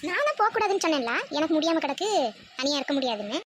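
A woman's voice: high-pitched, very animated, rapid-fire, a bit bright, a little hiss or hum. A woman voicing a self-pitying, complaining older mother-in-law in a family cartoon, whiny and guilt-tripping.

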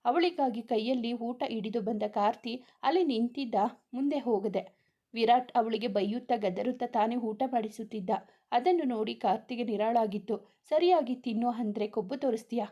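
Kannada-accented woman storyteller, even steady reading, a bit high. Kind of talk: serialized romance story narration.

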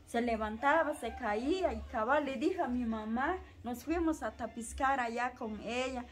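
A young woman telling a personal story in a halting, repetitive way. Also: a little high. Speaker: interviewee, mother. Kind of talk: personal testimony.

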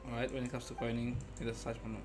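A game streamer with a mid-range, monotone voice gives fast, casual live commentary on his gameplay, muttering playfully and bursting into sudden exclamations. The background is noisy, with game music faintly audible.

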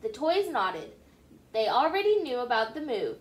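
A woman reads a children's storybook aloud with expressive, animated delivery. Her voice is high, and the room around her echoes. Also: normal speed. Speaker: storybook reader. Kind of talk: reading a children's book aloud.

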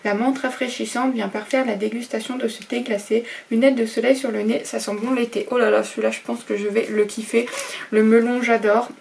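A woman's voice: fairly high pitch, steady tone, brisk, creaky, darkish tone, recorded from a distance, slight background noise. A young woman chatting casually through an unboxing, reading product blurbs aloud with lots of fillers and enthusiastic asides. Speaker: unboxing vlogger.

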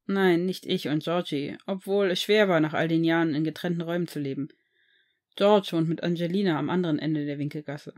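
A woman reading the lines of a cheerful, friendly young man who runs a shop, in a gentle, reassuring tone. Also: sits low, fairly quick, voice pushed down, close to an everyday voice.

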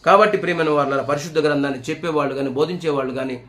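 High-voiced earnest man preaching. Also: fairly bright tone, soft background music. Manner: earnest, questioning the listener, slows to read scripture. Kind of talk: sermon.

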